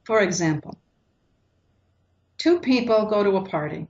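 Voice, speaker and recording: A woman's voice: mid-range voice, measured pace, a little hiss or hum. Woman counselor explaining, lo-fi. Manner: acts out quoted couples in lively voices. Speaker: relationship counselor. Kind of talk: explanatory interview answers.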